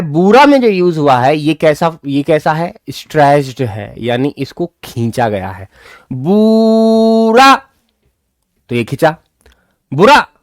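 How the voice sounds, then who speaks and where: A man's voice: medium pitch, dry recording, clean studio sound. A man teaching English grammar in a live online class, repeating key points and coaxing his students along.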